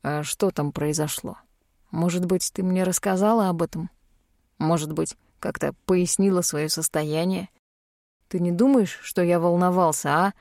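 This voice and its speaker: A woman lowers her voice to play a brooding young man from an audiobook. He speaks in a dark, soft, hissing tone, bitter and wounded, in a dry close recording. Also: fairly even intonation, normal speed, creaky, no echo. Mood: reproachful. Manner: low, hissing reproach. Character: hurt, brooding young man confronting his lover.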